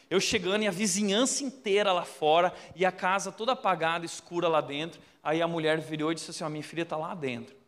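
A man preaching a sermon as a pastor, telling stories animatedly and acting out the voices, moving between loud and hushed delivery. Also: on the high side, big-room sound. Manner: animated storyteller, acts out quotes, shifts between loud and hushed. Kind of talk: sermon with storytelling.

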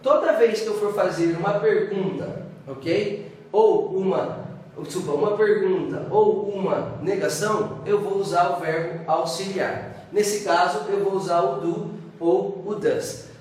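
A man's voice: high-pitched, takes it slowly, darkish tone. A man with a Brazilian Portuguese accent teaching an English grammar lesson, checking in with "ok?" and "tá?" after almost every point. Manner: keeps checking in with "ok?" and "tá?". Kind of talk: classroom-style grammar lesson. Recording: echoey room, distant mic, faint noise.

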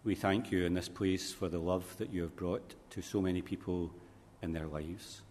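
A man, a priest, reciting funeral Mass prayers in a measured, solemn way, his voice ringing with cathedral echo. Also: low-pitched, steady tone, darkish tone. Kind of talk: liturgical recitation. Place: large church. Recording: long reverb in a large church, faint ambience.

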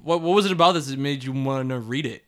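A man's voice: mid-range voice, quick pace, fairly bright tone. A man co-hosting a podcast, chatting casually and teasing with follow-up questions. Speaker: podcast co-host. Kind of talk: casual chat.

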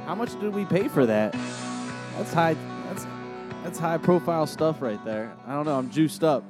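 A man's voice: fairly high pitch, lively intonation, moderate pace, over music. A man co-hosting a podcast in casual banter with friends. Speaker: podcast co-host.

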